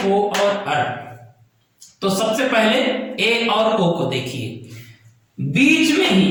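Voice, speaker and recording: A man teaching a grammar lesson, explaining slowly and repeating key terms while checking that students follow. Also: sits high, a bit bright. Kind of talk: classroom lesson. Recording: very echoey room.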